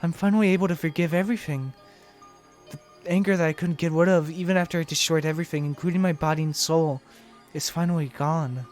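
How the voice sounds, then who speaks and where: In a dramatic visual novel reading, a let's play reader voicing every part plays a cursed teenage girl sliding into madness, pitching his natural, slightly mellow voice a touch high. She pleads frantically in a loop, repeating the same words, yet the delivery is steady, quick, and eerily calm. Faint music plays behind him.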